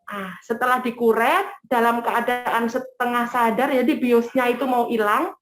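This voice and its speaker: A woman giving an emotional personal testimony to an interviewer, telling her story in a lively way and acting out what others said. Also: a little high, moderate pace, echoey room, soft background music. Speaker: guest giving a conversion testimony.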